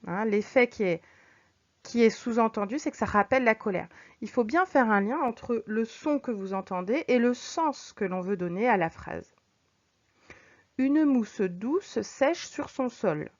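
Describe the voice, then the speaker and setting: Lady teacher reading out examples slow and clear, kinda high voice, muffled lo-fi audio. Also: animated. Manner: explains patiently, reads examples slowly and clearly. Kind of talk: recorded French lesson. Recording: dull lo-fi recording.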